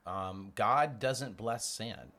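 Low-voiced man teaching about faith. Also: sharp tone. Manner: earnest, with halting restarts and acted-out examples. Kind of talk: conversational Bible teaching.

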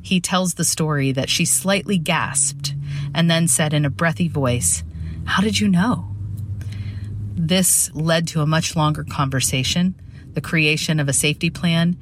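A woman presenting on suicide prevention, reading a prepared presentation in an earnest, measured way. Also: deep voice, slight background noise.

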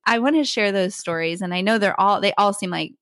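A middle-aged woman co-hosting a faith podcast, telling a personal story in a casual, animated way, laughing often and acting out what people said. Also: mid-range voice, fairly quick, no room sound, clean studio sound. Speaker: podcast co-host.

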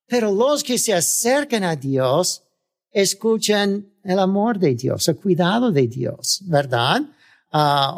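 Male pastor, high voice, sermon delivery, asks listeners for agreement, light chuckles, "ah" fillers. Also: vocal fry. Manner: often asks the listeners "¿verdad?"; chuckles between phrases, with filler "ah".

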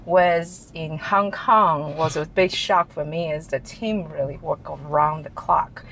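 A woman's voice: deep voice, fairly even intonation, a little slow, gravelly, fairly bright tone, a little hiss or hum, rough recording. A woman who grew up in Taiwan, answering interview questions in a chatty way with frequent laughs and restarts. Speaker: interview guest, chief information officer.

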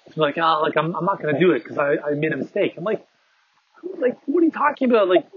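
This podcast host from Canada has a fairly high, expressive voice with a breathy edge, and he talks fast. He rambles through a casual, filler-heavy monologue while on a windy walk outdoors. The recording itself is dry, but his phone's wireless earbuds make it tinny and muffled, with faint wind in the mix.

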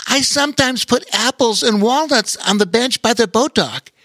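A man voicing a cheerful adult sailor in a high, strained, hearty voice. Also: bright, forceful tone, no room sound, heavily acted.

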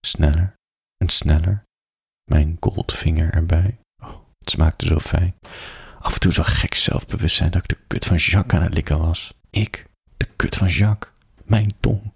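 A man reading an adult story aloud as a bedtime story, soft, slow and intimate, drifting into whispers, close to the microphone. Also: sits low, slightly rough, no room sound.

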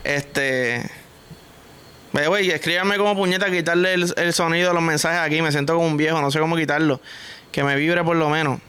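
A man's voice: on the high side, steady tone, a little fast, bright, forceful tone, a little hiss or hum. A man with a Puerto Rican accent hosting a vlog, delivering a crude, joking rant packed with slang. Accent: Puerto Rican Spanish. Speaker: vlogger host. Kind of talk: casual comic monologue vlog.

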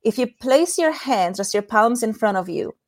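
A Polish woman with a Polish accent, appearing as an intimacy coach guest in a podcast interview, explains things earnestly and guides listeners through simple exercises. Her voice is a little high and expressive, at a normal speed.

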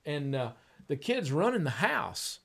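A man's voice: a little high, sing-song, vocal fry, fairly bright tone, breathy edge. Older man, earnest conversational preacher. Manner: earnest, storytelling, slows down for emphasis.

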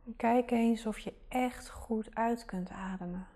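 A woman guiding a healing meditation in a soft, breathy half-whisper very close to the ear, soothing and gently instructing. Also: on the high side, steady tone, a little slow. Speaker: guided meditation and healing guide. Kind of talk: guided meditation, ASMR-like.

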